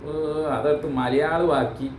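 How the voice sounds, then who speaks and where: Guy reacting to clips, teasing, fake outraged, highish voice, faint hiss behind. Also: steady tone, measured pace, echoey room, rough recording. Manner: teasing, mock-outraged banter. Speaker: reaction video host. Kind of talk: casual comic commentary.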